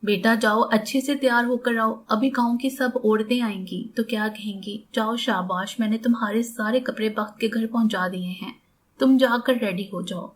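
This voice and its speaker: A woman's voice: a little high, fairly even intonation, slight background noise, close to an everyday voice. A woman voicing an elderly grandmother in an audiobook, affectionate but firm, coaxing and commanding.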